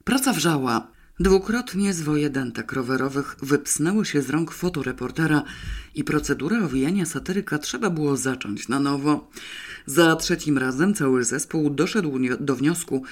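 A man reading a comic novel aloud as narrator, in an even, wry manner. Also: on the high side, moderate pace. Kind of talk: audiobook reading.

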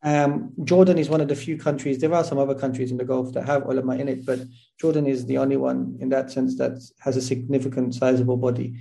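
A man with a South London accent talks in an interview. His voice is medium in pitch and gently dark. He explains things conversationally, often doubling back to rephrase. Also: little pitch movement, quick pace, creaky. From South London, England. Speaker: interview guest, academic historian.

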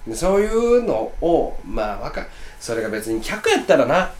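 A man with an Osaka Kansai accent, co-hosting a casual radio-style chat and telling stories in a blunt, lively way. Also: on the high side, normal speed, echoey room, noisy background. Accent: Osaka Kansai dialect. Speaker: co-host.

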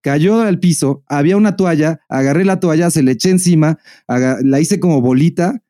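A man with a Mexican Spanish accent, co-hosting a podcast and telling a story in casual, animated chat, full of swearing and laughter. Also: on the high side, a little fast, no room sound, studio quality. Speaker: podcast co-host.

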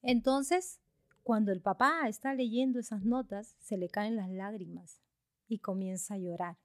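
Animated woman preaching through a story. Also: medium pitch, measured pace, no room sound, studio quality. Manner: animated, with frequent fillers. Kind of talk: storytelling sermon.

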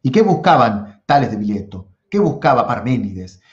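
A man with a Rioplatense accent lectures on philosophy, talking directly to his audience and repeating words for emphasis. His pitch swings widely as he explains. The sound is roomy and a little dull. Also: big pitch swings, normal speed. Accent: Rioplatense Spanish. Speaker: philosophy teacher. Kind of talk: lively lecture to camera.

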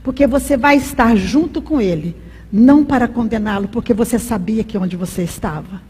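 A woman's voice: a little high, normal speed, warm tone, breathy edge, long reverb tail. A woman preaching a sermon, telling a personal story with passion.

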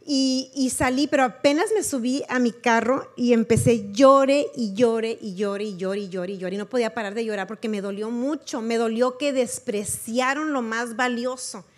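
A woman's voice: a little high, moderate pace, few pauses. A woman preaching a testimony sermon, earnest and conversational, repeating words for emphasis.

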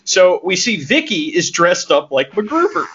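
A man with a high, bright voice chats loosely through a movie recap, jumping into quoted lines and laughing as he goes. His tone swings up and down constantly. The recording sounds dull and lo-fi. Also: normal speed, noisy background. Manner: animated, laughs often, acts out quoted lines. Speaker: podcast co-host. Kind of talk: casual movie recap chat. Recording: dull lo-fi audio.

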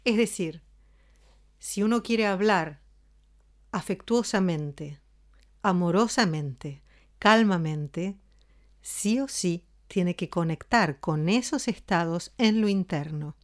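A woman giving a calm, explanatory voice lesson. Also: on the low side, takes it slowly. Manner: calm, explanatory, demonstrates ways of speaking. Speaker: voice teacher. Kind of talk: spoken voice lesson.

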